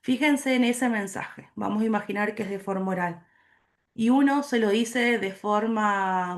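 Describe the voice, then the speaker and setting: A woman, a teacher giving an online class lecture, explaining slowly and asking the class questions, on a video call. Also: mid-range voice.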